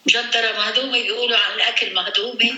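A woman's voice: on the high side, fairly even intonation, racing, sharp tone. A middle-aged or older woman with a Lebanese accent chatting casually on a family call in a motherly, explanatory way. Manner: motherly, explanatory, uses endearments and proverbs. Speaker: mother on a call with her grown daughter. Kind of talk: casual family phone chat.

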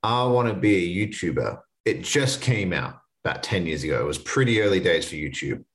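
Animated and a little fast, a low-voiced man in his late twenties runs a solo motivational podcast. His delivery is casual, earnest, and conversational, with occasional restarts.

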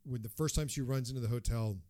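A man co-hosting a podcast, telling film trivia in a relaxed, chatty way. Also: medium pitch, fast talker, no echo. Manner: relaxed storyteller, shares trivia. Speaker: podcast co-host. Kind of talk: casual film discussion.

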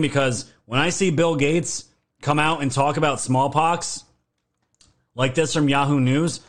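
Sarcastic ranting male livestream host. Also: on the high side. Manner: sarcastic, swears, animated outbursts. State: losing his voice. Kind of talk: ranting political commentary.

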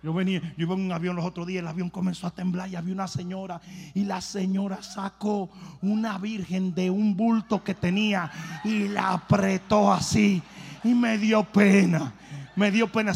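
A man's voice: high voice, flat delivery, moderate pace, gravelly, big-room sound. A male pastor preaching a sermon with comic storytelling and emphatic delivery.

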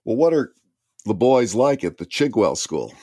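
A man's voice: medium pitch, sing-song, moderate pace, warm tone, no room sound, clean studio sound. A man hosting an interview podcast, presenting and putting questions in a conversational way. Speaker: podcast host, lawyer. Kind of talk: scripted intro and conversational interviewing.

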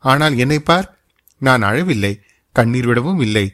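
A man's voice: medium pitch, expressive, normal speed, a bit bright, close to an everyday voice. A man reading as a stern proud princess. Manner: stern, scolding. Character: proud stern royal princess, grieving, commanding.

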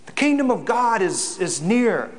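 A preacher voicing a wild desert prophet who shouts urgently at a crowd. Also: male voice, sits high, big pitch swings, a little slow, long reverb tail, voice pushed up. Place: church.

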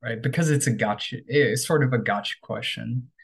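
A man's voice: medium pitch, moderate pace, creaky, husky, low-quality recording. A man hosting a casual English lesson podcast, talking loosely with lots of "um" and "right?". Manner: relaxed, filler-heavy, frequent "right?". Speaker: English teacher, podcast host. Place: home bedroom workstation.

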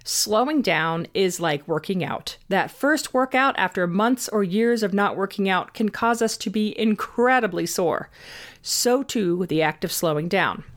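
A woman with a medium-pitched voice presents scripted advice straight to the listener. She sounds upbeat and organized, setting out her points neatly. Key words get stretched for emphasis. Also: lively intonation, measured pace. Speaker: host giving self-help advice on anxiety and mindfulness. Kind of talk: scripted advice narration, tips addressed to the listener.

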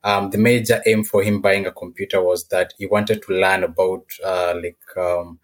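A Kenyan man with a very low voice and a flat, steady intonation. He answers interview questions casually, with a slightly hesitant delivery and a Kenyan accent. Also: moderate pace. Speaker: podcast guest, technology professional.

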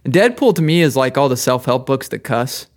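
A man's voice: mid-range voice, very animated, moderate pace. A man in his thirties co-hosting a podcast, with dry, teasing casual banter. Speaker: podcast co-host.

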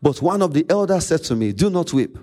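This Nigerian-accented man, a native Yoruba speaker, delivers a sermon as a pastor with a fairly high, expressive, dark-toned voice. He drives his points home by repeating phrases and pausing for effect.

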